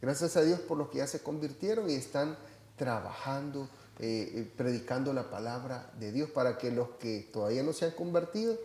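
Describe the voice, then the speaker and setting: A man's voice: mid-range voice, expressive, normal speed, a little mellow, reverberant, slight background noise. A Salvadoran man with a hesitant manner and lots of fillers, chatting about a church trip. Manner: hesitant, many fillers and restarts. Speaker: church member reporting on a trip. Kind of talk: casual chat.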